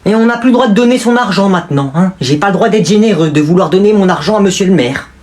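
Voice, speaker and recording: A man's voice: sits high, animated, fast talker, a little mellow. A man playing a smug, spoiled rich young man who talks down to everyone in a whiny, dismissive way. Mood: scornful. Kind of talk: comedy sketch acting.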